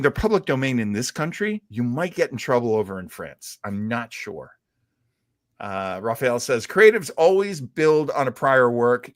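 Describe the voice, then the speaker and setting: Clean studio audio with no room sound captures a man's medium, slightly bright voice. As host of a casual live talk stream on classic radio and comics, he chats enthusiastically, rambling and hesitating as he goes.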